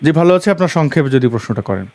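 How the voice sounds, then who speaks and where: A man's voice: fairly high pitch, animated, rapid-fire, darkish tone. A man hosting and moderating a question session, brief and polite as he hands over the floor. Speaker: host and moderator.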